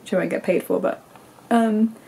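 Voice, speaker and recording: A congested young English woman in her twenties, stuffy-nosed, rambles to a handheld camera in her bedroom, full of ums and likes. Her mid-range voice is gravelly, mellow and slightly rough, with fairly even intonation and a moderate pace. She's a vlogger holding the camera at arm's length.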